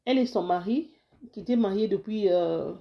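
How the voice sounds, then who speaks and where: Medium in pitch and moderate in pace, her voice carries some vocal fry, and the recording's highs are cut off. A Congolese health video host living in the United States, she speaks casually to camera, slightly hoarse from a cold, warmly exhorting viewers, restarting frequently, and mixing in Lingala.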